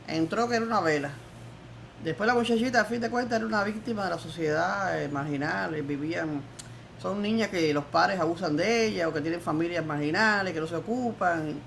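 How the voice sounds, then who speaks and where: A woman's voice: on the low side, a little fast, vocal fry, slight background noise. An older woman with a Cuban accent giving an emphatic, defiant testimony in an interview. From Cuba. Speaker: interviewee, former political prisoner.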